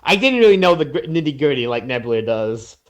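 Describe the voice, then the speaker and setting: In a mid-range, sing-song voice at a quick pace, a man chats casually on a podcast panel about fan fiction. His speech is marked by stammering, repetition and trailing off.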